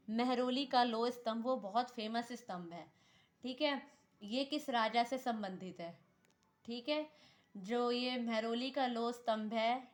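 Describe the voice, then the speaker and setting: A woman teaching an exam-prep history lesson, asking questions and answering them herself, repeating key names and often saying "theek hai" with small self-corrections. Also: on the high side.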